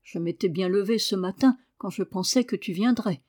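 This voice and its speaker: A woman's voice: medium pitch, normal speed, a little mellow, close to an everyday voice. A woman reading aloud and voicing a sickly, spoiled young boy with a whiny, imperious way of complaining. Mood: petulant furious.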